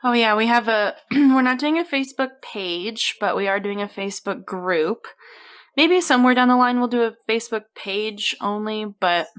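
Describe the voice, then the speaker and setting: A woman's voice: fairly high pitch, moderate pace, smooth. A young woman co-hosting a podcast in casual chat, giving brief amused reactions and laughing often. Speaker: podcast co-host.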